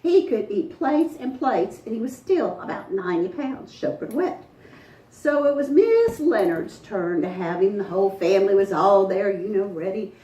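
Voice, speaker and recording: A woman's voice: mid-range voice, lively intonation, normal speed, dark tone, highs cut off. A woman storyteller, telling a folktale to a live audience in a folksy, dramatic way. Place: front porch event. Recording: echoey, distant mic, faint ambience.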